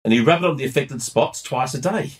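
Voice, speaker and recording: A man voicing a bemused male doctor who calmly repeats himself in a matter-of-fact way. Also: mid-range voice, fast, close to an everyday voice. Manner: patient, repetitive, matter-of-fact.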